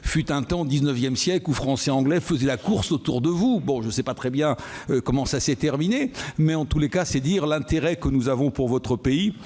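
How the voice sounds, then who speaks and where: A man's voice: mid-range voice, animated, a little fast, a little mellow. A man welcoming a lecture audience, chatty, with rising emphasis. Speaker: conference moderator. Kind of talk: formal welcome speech.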